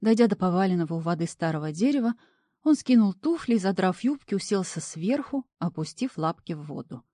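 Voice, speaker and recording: A woman narrating a fantasy story in the first person, animated and playful. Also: on the low side, a little fast, dry recording, studio quality. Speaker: audiobook narrator.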